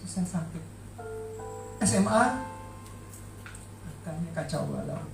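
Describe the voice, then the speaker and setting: A man's voice: on the high side, expressive, slow, vocal fry. Heartfelt middle-aged man testifying in echoey church. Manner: heartfelt, emphatic, repeats words for stress. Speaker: church speaker giving a testimony. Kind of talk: emotional sermon testimony. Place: large church hall. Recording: echoey hall, distant mic, faint music.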